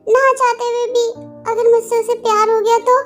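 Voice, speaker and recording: Woman voicing young woman, very high voice, pleading, emphatic, fan audio drama. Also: level tone, moderate pace, faint music behind. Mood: anxious. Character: upset young woman Jimin, determined.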